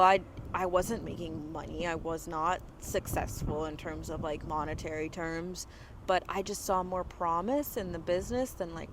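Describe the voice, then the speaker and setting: A woman's voice: on the low side, noisy background. A woman in her twenties from Dubai, a guest entrepreneur talking casually in an interview, full of "you know" and "like" fillers. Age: 20s.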